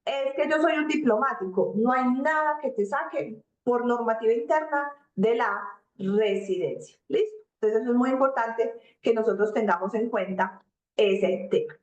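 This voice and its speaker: A woman lectures on taxes in a reverberant room. Her voice sits a little high for a woman. She keeps things conversational, checks in with "¿cierto?" and slips into the voices of example taxpayers. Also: normal speed, darkish tone, highs cut off. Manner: acts out example taxpayers in quoted asides. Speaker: tax lecturer. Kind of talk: explanatory tax seminar talk. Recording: echoey room.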